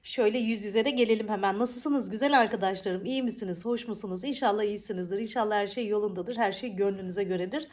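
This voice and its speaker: A woman's voice: medium pitch, quick pace, hardly any pauses, a little mellow. A woman talks chattily to her viewers while walking through her home, and her voice has the blocked, stuffy sound of a cold. She fills her talk with greetings and blessings, recorded close on a phone indoors. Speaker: vlogger. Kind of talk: casual home vlog chat.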